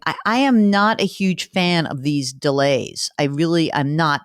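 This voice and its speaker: A woman with a low voice hosts a personal finance show, talking in a chatty, emphatic, conversational radio podcast style. The recording is dry and studio quality.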